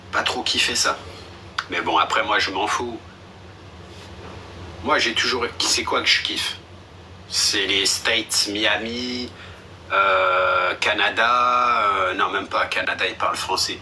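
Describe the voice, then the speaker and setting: A man's voice: fairly low pitch, slow, sharp tone. A young man chatting casually on a live stream, blunt and slangy, with a dismissive streak. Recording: a bit distant with faint background noise.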